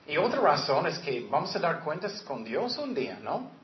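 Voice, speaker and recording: A man's voice: a little high, very animated, moderate pace. A man preaching a sermon as a pastor, earnest and direct, sometimes acting out the voices he quotes. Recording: echoey, dull lo-fi room recording.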